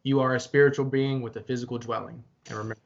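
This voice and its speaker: A man's voice: mid-range voice, steady tone, very fast, vocal fry. A young man co-hosting a casual chat, talking earnestly and motivationally, with some swearing. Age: young adult. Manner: earnest, pep-talk delivery with some swearing. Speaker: podcast co-host. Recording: slightly dull lo-fi audio.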